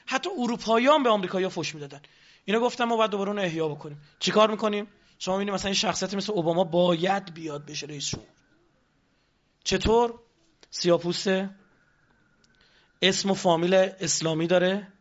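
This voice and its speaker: A man's voice: high voice, a bit bright, highs cut off. A man giving a lecture on politics, addressing the audience with rhetorical questions.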